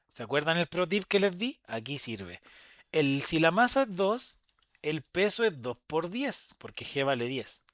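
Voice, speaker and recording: A young Chilean man teaching a physics lesson, his voice sitting a little high for a man. He talks in a lively, chatty way and throws in quick asides as he explains. The sound is dry and close, with almost no room around it. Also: no echo. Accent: Chilean Spanish. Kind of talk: recorded online class lecture.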